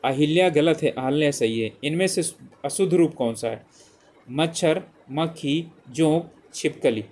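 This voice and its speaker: His voice is a little high and darkish with a breathy edge, and he keeps a measured pace. As a teacher doing exam prep, he goes through spelling questions individually, reading the options aloud repeatedly. He checks in often with "ठीक है".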